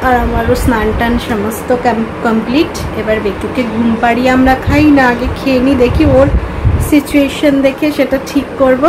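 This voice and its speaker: A woman's voice: high voice, little pitch movement, moderate pace. Chatty woman vlogging over home noise. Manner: chatty, addresses viewers directly. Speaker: vlogger, mother. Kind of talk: casual vlog narration.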